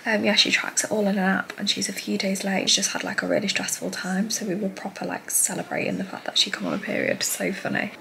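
A woman's voice: mid-range voice, level tone, fast talker, gravelly, few pauses, a bit bright. A young woman vlogging casually on a handheld camera, chatty and bubbly, sometimes dropping into a whisper. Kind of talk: casual vlog chat. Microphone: handheld camera or phone. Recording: noisy handheld recording.

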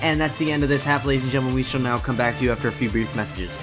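A man's voice: mid-range voice, rapid-fire, music in the background, pitched below the performer's own voice, lightly acted. A man putting on a mock old-time radio show announcer, calling the action and reading sponsor ads in a grand, formal cadence. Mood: hammy. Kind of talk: joking mock broadcast commentary among gaming friends.

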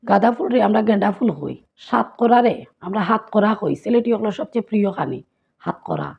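A woman's voice: mid-range voice, big pitch swings, brisk, vocal fry, breathy edge, dull audio. A woman from Sylhet with a Sylheti Bengali accent, vlogging casually and listing local words one after another. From Sylhet, Bangladesh. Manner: repetitive, listing words and their local forms. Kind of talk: casual vlog teaching dialect words.

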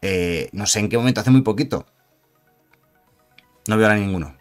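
A man giving a rambling, animated casual card analysis, often correcting himself. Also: lowish voice, normal speed. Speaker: card game reviewer. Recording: faint background music.

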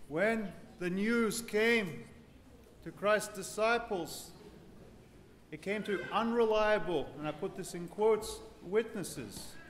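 A man in his thirties, a priest, giving an earnest sermon in a large church, unhurried, building to joyful emphasis. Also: sits high, a bit bright. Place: large ornate church with congregation. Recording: echoey church hall, reverb, faint ambience.

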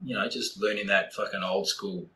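A man's voice: on the low side, steady tone, normal speed, over a noisy crowd, rough recording. A man in his forties with a New Zealand accent, a podcast guest telling his story in blunt, candid, profanity-laced casual talk. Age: 40s.

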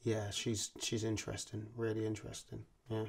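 A man's voice: fairly low pitch, monotone, normal speed, vocal fry. A man interviewing, talking casually and thinking aloud in a reflective way.

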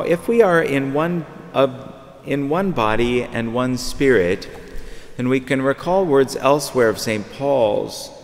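A man in his fifties preaching a sermon from a pulpit, talking conversationally and repeating phrases as he searches for words. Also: medium pitch. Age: 50s. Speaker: priest. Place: large church, at a pulpit. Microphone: far camera. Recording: long church reverb.

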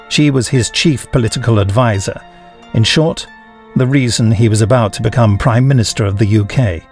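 A man reading scripted fiction in a measured, theatrical way with weighty pauses. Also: mid-range voice, darkish tone. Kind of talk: dramatic scripted narration.

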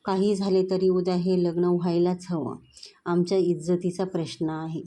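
A woman reading a storybook voice for an angry, demanding middle-aged father of the groom who shouts his threats. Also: on the low side, flat delivery, normal speed, close to an everyday voice.

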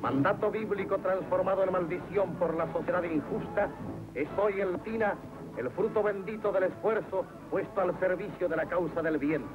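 A man narrating a 1940s newsreel in a solemn, florid, declamatory style. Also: high voice. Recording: tinny band-limited 1940s newsreel soundtrack. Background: orchestral music.

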